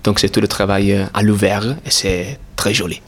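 An Italian actor with an Italian accent, answering interview questions in slow, halting French while searching for words. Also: male voice, lowish voice, fairly even intonation. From Italy.

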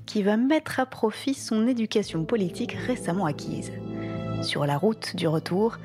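An actress playing a composed, literary documentary narrator, reading scripted French narration. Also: female voice, medium pitch, expressive, normal speed, over music, lightly acted.

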